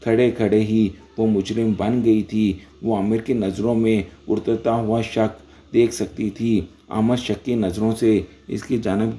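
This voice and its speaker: Low-voiced male story narrator. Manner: steady dramatic reading.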